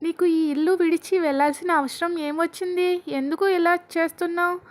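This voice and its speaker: A woman doing a high, anxious middle-aged aunt. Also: steady tone, moderate pace. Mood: alarmed pleading. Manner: pleading, alarmed questioning.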